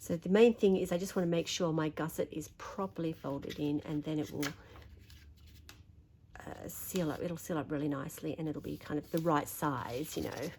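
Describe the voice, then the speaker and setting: Croaky Australian woman demonstrating crafts. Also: low-pitched, normal speed, darkish tone, a little hiss or hum. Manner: chatty, thinking aloud while working. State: slightly croaky. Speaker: papercraft demonstrator. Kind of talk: craft tutorial narration.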